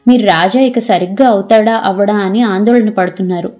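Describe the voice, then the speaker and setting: A woman's voice: mid-range voice, a little fast, dark tone, dull audio, natural voice. A woman narrator voicing a middle-aged male doctor who lectures his patient reproachfully.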